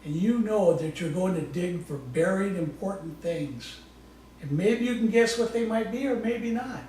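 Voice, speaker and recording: A man with a high, mellow, expressive voice talks at normal speed while demonstrating guided imagery live as a guest presenter. His delivery is soothing and coaxing, folksy and informal, full of repeated short phrases; the distant mic catches an echoey room and faint noise.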